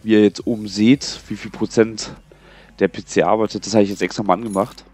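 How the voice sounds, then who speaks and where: A young gaming channel host with a cold mutters and rambles to himself during casual let's play commentary. His voice is fairly low, brisk and a little mellow, with fairly even intonation.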